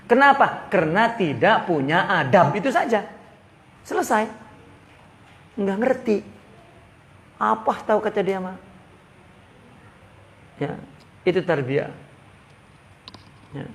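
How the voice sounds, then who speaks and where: A man giving a religious lecture on a classical Arabic text, mixing Arabic phrases with lively slang. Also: sits high, slow, pauses often. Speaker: religious teacher. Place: religious study gathering.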